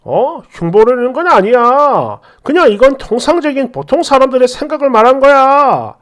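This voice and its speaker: A woman voicing a rude, sarcastic boyfriend in his thirties, scolding in a lowered voice. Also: very animated, normal speed. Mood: sneering.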